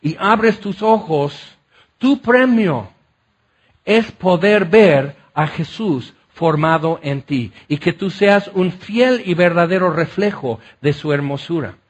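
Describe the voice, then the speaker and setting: A man with a high voice preaches to a congregation in a large tent. He builds his phrases into loud, fervent repetitions, then lets them fall quiet, and keeps asking his listeners questions. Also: lively intonation, slow, breathy edge. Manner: impassioned, swelling to loud repeated exclamations then dropping soft; asks the congregation rhetorical questions. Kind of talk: sermon.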